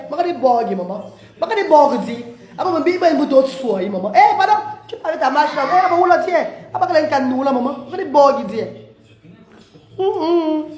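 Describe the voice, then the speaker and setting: A woman's voice: high voice, darkish tone. A woman hosting a livestream, chatting animatedly with viewers, laughing often and calling them maman and papa. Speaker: livestream host. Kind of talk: casual live chat reading comments. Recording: echoey room.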